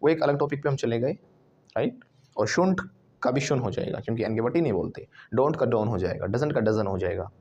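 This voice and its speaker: A man with an Indian accent teaching a spoken English class, animated, drilling his students with call-and-response repetition. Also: medium pitch, a little fast, muffled recording, slight background noise. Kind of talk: classroom lesson.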